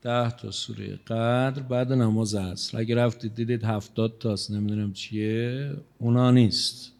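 A male cleric giving a religious sermon in a conversational, teasing manner, his loudness rising and falling as he speaks. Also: mid-range voice, fairly even intonation, vocal fry. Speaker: cleric preacher.

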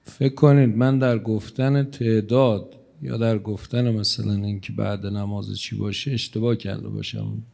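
A male cleric preaching to a congregation with a gravelly, dark voice. He talks conversationally, teasing his listeners, and his volume swells and drops as he goes. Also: lowish voice, level tone. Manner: conversational, teasing the audience, shifting loudness. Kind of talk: religious sermon to a congregation.

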